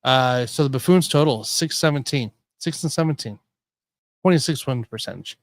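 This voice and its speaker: A man hosting a casual sports betting show, rambling and correcting himself as he tells excitable stories. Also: mid-range voice, normal speed, no room sound. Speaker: podcast host.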